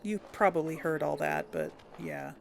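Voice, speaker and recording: Low-pitched and creaky, her voice swings hugely in pitch at a normal pace, over slight background noise. She is a streamer giving casual let's-play commentary on a video game, laughing a lot and now and then speaking as her character.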